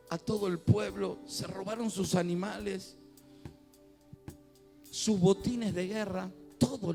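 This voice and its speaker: A man's voice: sits high, gravelly, a little mellow. A man with a Rioplatense accent preaching a sermon as pastor in a church, talking conversationally and building to fervent swells. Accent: Rioplatense Spanish.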